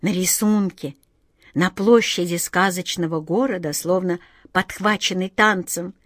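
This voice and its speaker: A woman narrating a children's storybook in a calm, expressive reading. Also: on the low side, unhurried, no echo, studio quality.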